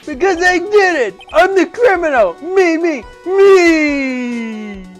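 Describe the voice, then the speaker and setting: A man voicing a timid, jittery young man who stammers and shouts shrilly, in a game played on stream. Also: very high voice, expressive, takes it slowly, faint music behind, pitched above the performer's own voice, heavily acted. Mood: frantic.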